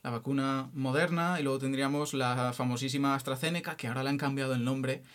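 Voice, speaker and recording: A man's voice: mid-range voice, fairly even intonation, quick pace, a bit bright. Joking man explaining science. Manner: jokey, restarts often while explaining. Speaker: podcast host explaining science. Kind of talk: casual explanatory chat.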